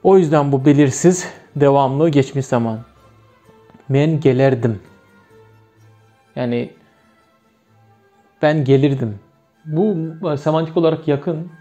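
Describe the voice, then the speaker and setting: A man's voice: medium pitch, a little slow, pauses often, mellow, soft background music. Man with a Turkmen accent, teaching. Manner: hesitant, with many fillers and self-corrections. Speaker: language teacher. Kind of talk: casual video lesson.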